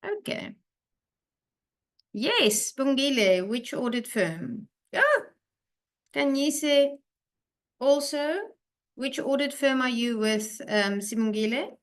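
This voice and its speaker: A woman's voice: sits high, lively intonation, takes it slowly, pauses often. A woman from South Africa hosting an online webinar, chatting with her guest and reading out messages from the chat. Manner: friendly, reads out chat messages. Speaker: webinar host, company CEO.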